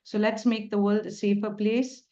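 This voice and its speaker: A woman speaks as a webinar host on a video call. Her phrasing is semi-formal and deliberate, with emphatic repetition, and the sound is dull and lo-fi, at a middling pitch. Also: level tone, mellow. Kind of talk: semi-formal online event hosting.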